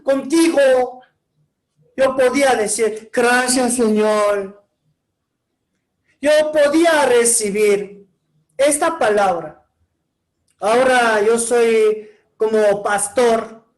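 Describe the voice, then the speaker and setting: Very high-voiced, slow-talking male pastor. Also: echoey room, low-quality recording. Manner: slow, encouraging, calls on groups of children. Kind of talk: preaching to children with shouted call-and-response.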